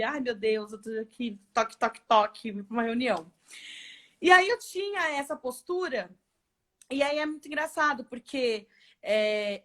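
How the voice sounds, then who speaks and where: Chatty woman executive, raised pitch. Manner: lively storytelling with frequent tag questions. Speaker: guest, e-commerce executive. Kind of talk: casual live interview chat.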